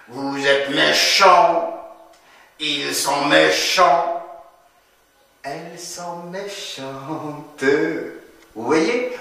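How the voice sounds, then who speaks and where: A man teaching a grammar lesson, drilling conjugations slowly and repetitively with questions to the pupil. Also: fairly high pitch. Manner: slow, repetitive, lively classroom drilling with questions. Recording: very echoey room, voice from far off.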